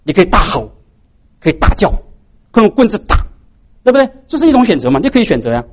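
Lively, animated male preacher. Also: sits high, quick pace. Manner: preaching with many rhetorical questions to the congregation. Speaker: pastor. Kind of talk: sermon.

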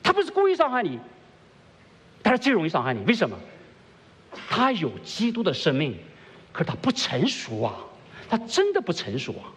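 A man preaching a sermon as pastor to a congregation at a church service. He keeps asking his listeners questions, swings between soft and emphatic delivery, and drops English words into his speech. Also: on the high side, wildly swooping pitch, brisk, big-room sound.

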